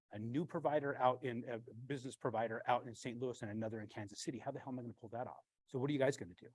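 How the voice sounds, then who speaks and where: A man, a branch manager, giving a blunt, animated storytelling talk with frequent swearing and a husky voice. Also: mid-range voice, no room sound, low-quality recording.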